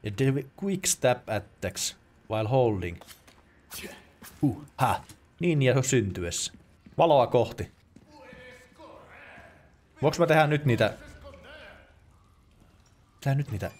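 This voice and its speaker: Yelps, laughs, and swearing fill this Finnish man's excitable, casual let's play commentary. His voice sits at medium pitch, and he leaves long pauses.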